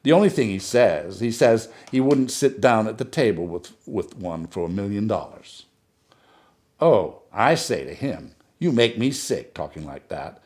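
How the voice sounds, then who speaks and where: A man narrates a short story, performing a talkative, effusive society woman who rattles on without pausing for breath and keeps singing her own praises. His voice sits lowish with a darkish tone, and his delivery is sing-song and a little slow.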